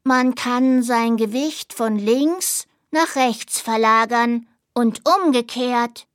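A woman voicing a small, bored male dormouse in a children's storybook, drawling his words slowly. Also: a little high, no echo, clean studio sound. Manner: slow, drawn-out bored speech.

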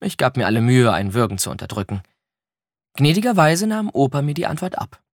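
A man reading a children's story aloud as scripted narration, in an expressive storytelling manner. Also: medium pitch, brisk, dry recording, clean studio sound. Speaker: audiobook reader.

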